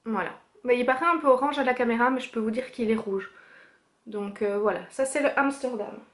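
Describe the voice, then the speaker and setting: A woman's voice: fairly high pitch, fairly quick. A young woman showing her makeup purchases in a casual haul video, chatty, with many fillers and self-corrections. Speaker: beauty vlogger.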